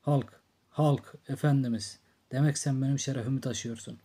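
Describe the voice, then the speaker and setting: A man's voice: medium pitch, steady tone, moderate pace, dark tone, lightly acted. A man voicing a blunt, threatening drunk older brother in an audiobook, in a harsh scolding tone. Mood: angry. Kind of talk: audiobook character reading.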